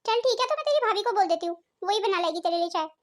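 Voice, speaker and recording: A very high, quick, cartoonish voice: a woman doing an older mother-in-law who frets about family peace. She scolds and soothes in the same breath. She sounds motherly and worried. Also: lively intonation. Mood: soothing. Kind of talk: cartoon family drama voice acting.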